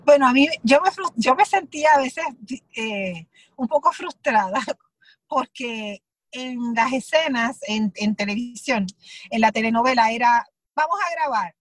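High-voiced woman from Puerto Rico. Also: unhurried, no room sound. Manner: animated, acts out quoted remarks with laughs. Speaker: guest actress. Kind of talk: casual interview chat.

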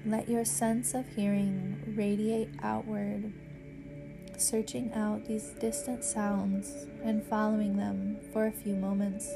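Female meditation guide, slow and measured, soothing instructional read with little pitch movement. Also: flat delivery, creaky, music in the background, rough recording. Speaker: yoga nidra meditation guide and podcast host.

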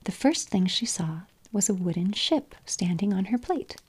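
A woman reading a storybook aloud in a slow, hushed whispered storytelling style. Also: medium pitch, lively intonation, breathy edge.

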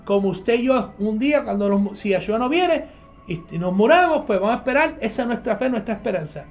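A man's voice: sits high, animated, fairly quick, faint music behind. A man preaching a nightly online Bible teaching, emphatic, asking questions and answering them himself. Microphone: live stream with viewers connected.

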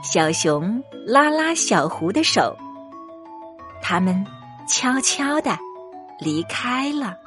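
Lively, unhurried woman storyteller. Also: medium pitch. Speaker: children's storyteller. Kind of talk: scripted children's story narration. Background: music.

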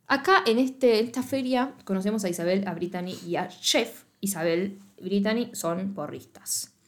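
A woman with an Argentine Spanish accent, chatting casually as a podcast co-host, slangy and animated, acting out quoted lines as she recaps a film. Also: mid-range voice, normal speed.

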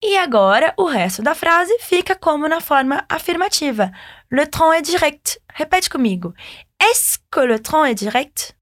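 A woman's voice: high-pitched, very animated, unhurried, fairly bright tone, dry recording, studio quality. A woman teaching French, patiently modeling phrases for listeners to repeat. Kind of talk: language lesson with repeat-after-me drills.

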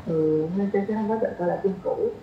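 Sharing opinions in a relaxed podcast chat, this woman talks quickly in a mid-range voice, circling back to repeat phrases for emphasis. Expect a dull, lo-fi recording with roomy echo and faint noise.

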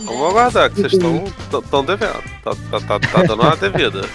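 A man with a carioca Rio accent chatting casually as a podcast guest, in a slangy, halting way with repeated words. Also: on the high side, big pitch swings. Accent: carioca (Rio de Janeiro) Brazilian Portuguese. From Rio de Janeiro, Brazil. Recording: music playing behind the voice. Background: background music.

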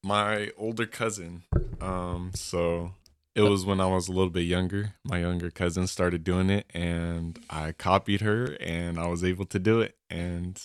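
A man's voice: low voice, steady tone, measured pace, smooth, no echo. A man in his twenties from Colorado, chatting upbeat and a little rambling as a podcast guest. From Colorado, United States. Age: 20s. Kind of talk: casual podcast interview.

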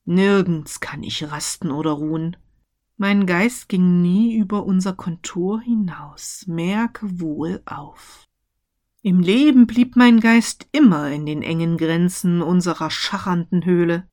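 Frau spricht den klagenden, gefesselten Geist. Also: female voice, lowish voice, slow, darkish tone. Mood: mournful. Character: ghost of a dead old businessman, chained, mournful.

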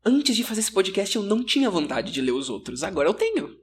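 A man's voice: high-pitched, big pitch swings, quick pace. A man with a Brazilian Portuguese accent co-hosting a podcast in casual, slangy, grumbling banter. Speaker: podcast co-host.

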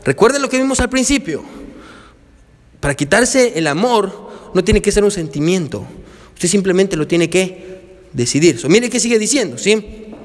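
High-voiced pastor preaching. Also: male voice, moderate pace, pauses often, big-room sound. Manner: animated, asks the congregation questions, repeats "hermano" and "amén". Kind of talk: sermon. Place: church.

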